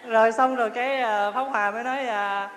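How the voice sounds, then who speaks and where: A man's voice: extremely high pitch, steady tone, fast, a bit bright. A male Buddhist monk, giving a chatty, humorous dharma talk and often asking his listeners questions. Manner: chatty storytelling, laughs often, asks the audience questions. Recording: roomy hall with long reverb, faint ambience.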